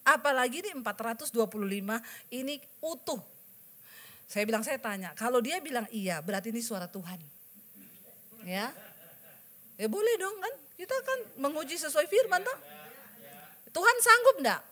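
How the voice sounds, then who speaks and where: A middle-aged woman pastor delivering a sermon in a high, bright voice. She tells stories with energy, acts out the people she quotes and keeps asking the congregation questions. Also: normal speed, pauses often. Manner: lively storytelling, acting out quoted voices; asks the congregation rhetorical questions.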